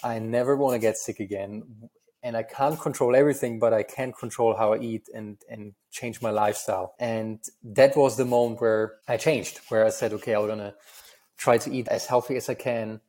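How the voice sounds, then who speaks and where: A man's voice: fairly low pitch, steady tone, moderate pace, dark tone. German-accented man, earnest and talkative. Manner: earnest, talkative, repeats words when restarting. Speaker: guest entrepreneur. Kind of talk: casual interview.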